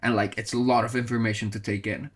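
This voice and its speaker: A man's voice: fairly low pitch, level tone, fast talker, slightly rough. A man from Colombia, a motorsport content creator, talking casually in an interview, thoughtful and full of fillers and restarts. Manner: reflective, with many fillers and restarts.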